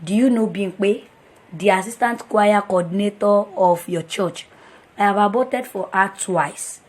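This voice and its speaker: An actor with a Nigerian accent playing a careless young womanizing boyfriend, husky and mocking in manner. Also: high-pitched, unhurried. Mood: boastful. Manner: mocking, boastful. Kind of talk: film drama acting.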